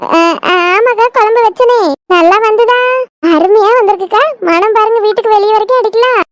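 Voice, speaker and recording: A woman's voice: very high-pitched, brisk. A woman voicing a young wife in a cartoon, chatty and grumbling. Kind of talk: cartoon comedy voice acting.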